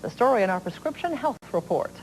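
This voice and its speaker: A woman's voice: fairly high pitch, very animated, fast, slight background noise, poor audio. An American woman as a local TV news anchor, with studio banter and scripted links.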